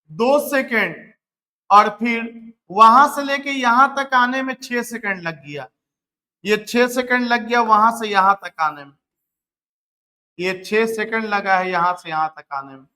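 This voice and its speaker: A man's voice: high-pitched, expressive, slow, long pauses, pushed and bright. A man teaching a physics lesson, asking his students questions and answering them himself, and repeating key numbers. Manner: motivational asides to students. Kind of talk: classroom physics lecture.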